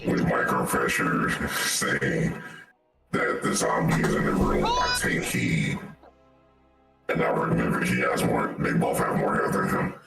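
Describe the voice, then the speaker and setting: A man playing his character in a tabletop game, speaking slowly and deliberately in a gravelly voice. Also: extremely low pitch, flat delivery, reverberant, loud music behind the voice. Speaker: player.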